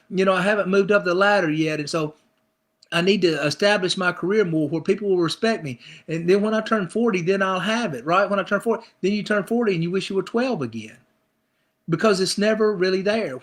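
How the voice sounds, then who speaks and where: A man's voice: high-pitched, fairly bright tone. A middle-aged male pastor preaching a conversational sermon, acting out people's inner thoughts with repeated phrases.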